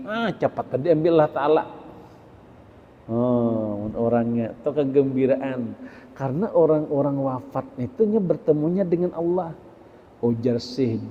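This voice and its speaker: A male religious teacher, preaching a sermon in an animated storytelling way with sudden loud peaks, in an echoey hall. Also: medium pitch. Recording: echoey hall, muffled, faint noise.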